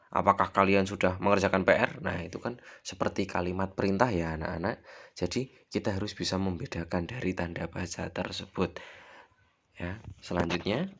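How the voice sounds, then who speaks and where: A man's voice: low voice, vocal fry, fairly bright tone, slightly rough. A male primary school teacher, giving a recorded lesson to children, patient and repetitive, often ending phrases with a questioning "ya". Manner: patient, repeats points, tags sentences with "ya"; demonstrates intonation with example sentences.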